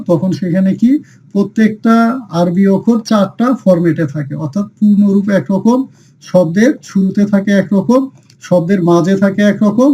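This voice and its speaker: A man with a fairly high, mellow voice leads a recorded class on reading the Quran. He works through the material with steady repetition, putting each question to his students and then answering it himself. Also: lo-fi sound, a little hiss or hum. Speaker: Quran teacher.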